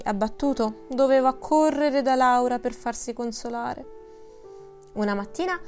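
A woman narrating an audiobook in a steady, measured storytelling manner. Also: a little high.

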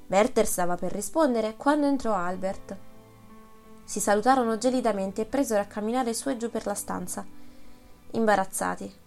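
Woman narrator, measured literary audiobook reading, mid-pitched. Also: creaky, a little mellow, faint music behind.

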